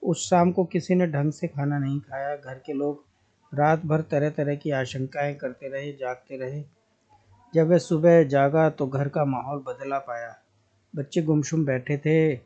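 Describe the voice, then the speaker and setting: A man narrating a story as a storyteller in a measured, deliberate reading style, on a dull lo-fi recording. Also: fairly high pitch, fairly even intonation, dark tone.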